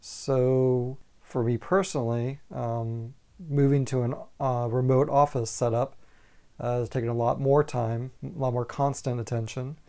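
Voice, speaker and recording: A man in his forties answering documentary interview questions, measured and thinking aloud. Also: medium pitch, level tone, warm tone. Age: 40s.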